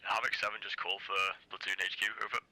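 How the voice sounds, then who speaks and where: A man's voice: lowish voice, level tone, fast talker, poor audio. Man calling over a walkie-talkie. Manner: loud, clipped, formal radio calls. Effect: over a walkie-talkie radio. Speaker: squad member calling over game radio. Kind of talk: clipped military radio procedure.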